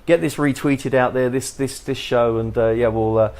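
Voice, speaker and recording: A man with an English accent hosting a podcast interview, talking haltingly with many restarts. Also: medium pitch, steady tone, a little mellow. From England. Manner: halting, many restarts and fillers, chuckles often. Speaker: podcast host.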